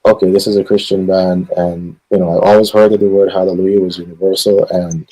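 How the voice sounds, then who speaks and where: With a warm, low-pitched voice that moves little in pitch, a Guyanese man in his thirties talks fairly quickly about his life as a gospel singer. The audio is poor, and his casual interview answers ramble along with plenty of fillers.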